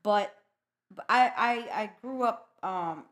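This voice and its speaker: A woman podcast host whose first language is Spanish, chatting casually and laughing along with her guest. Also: fairly high pitch. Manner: warm, laughs along, quick agreeing interjections. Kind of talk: casual interview chat.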